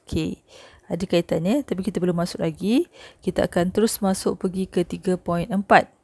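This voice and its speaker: A young woman with a Malaysian accent talks a history class through a lesson, checking in with the listener after nearly every point. Her voice sits a little low and sounds mellow rather than bright. The recording is dry, with no room sound around her. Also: brisk, slightly rough, no echo. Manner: chatty, with frequent "okey", "eh" and "ha" checks. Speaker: history teacher.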